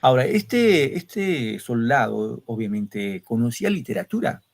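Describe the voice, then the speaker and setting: A man teaching an online class, lively and questioning, repeating words syllable by syllable. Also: mid-range voice, measured pace, gravelly. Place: home, video call. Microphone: computer mic on video call.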